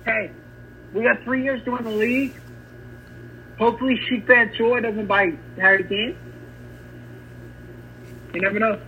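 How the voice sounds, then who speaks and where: A man's voice: extremely high pitch, steady tone, unhurried, long pauses, a little hiss or hum. A man co-hosting a podcast in casual chat, joking and hiccuping. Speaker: podcast co-host. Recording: dull lo-fi sound.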